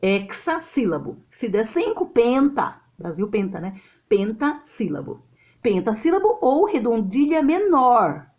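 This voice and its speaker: A Brazilian woman teaching a literature lesson to a camera, explaining step by step in an animated way and often checking that her students follow. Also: on the high side, measured pace. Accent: Brazilian Portuguese. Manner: animated and explanatory, checks understanding with tag questions. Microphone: camera mic.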